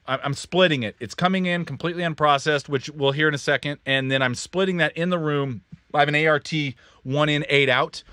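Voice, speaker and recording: Talking drum miking on a casual livestream, this Kansas studio owner rambles, jokes and corrects himself from the control room. His mid-range voice sounds pushed and bright, clear and resonant. It's a dry recording.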